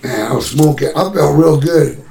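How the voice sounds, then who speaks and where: A man's voice: on the high side, moderate pace, gravelly, echoey room. A man telling a story in casual, profane chat, acting out the voices of the people in it. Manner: animated, profane, acts out voices.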